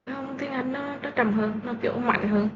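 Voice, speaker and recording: A woman's voice: high-pitched, steady tone, normal speed. Woman, polite and teasing. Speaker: guest. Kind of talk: casual chat. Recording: dull lo-fi sound with faint noise.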